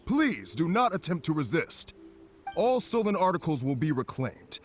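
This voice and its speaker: A stern government officer. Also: male voice, on the high side, big pitch swings, moderate pace, faint music behind. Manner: formal, clipped, authoritative. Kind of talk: video game voice acting.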